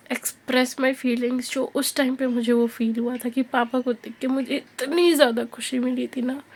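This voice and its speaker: Slow-talking young woman with an Indian accent. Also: fairly high pitch. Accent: Indian English. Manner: mixes Hindi and English, slow and soft-spoken. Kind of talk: personal storytelling.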